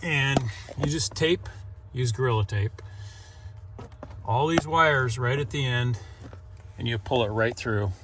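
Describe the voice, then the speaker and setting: A DIY video presenter walks through an install in a casual, hands-on way, explaining each step informally. His mid-range voice moves slowly with frequent pauses. The background is noisy.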